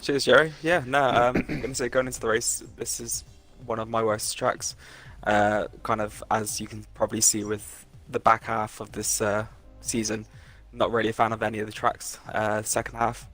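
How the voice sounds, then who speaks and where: A man's voice: on the low side, little pitch movement, normal speed, hardly any pauses, a bit bright, soft background music. A man racing driver, answering modestly and casually after a race. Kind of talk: post-race interview answer.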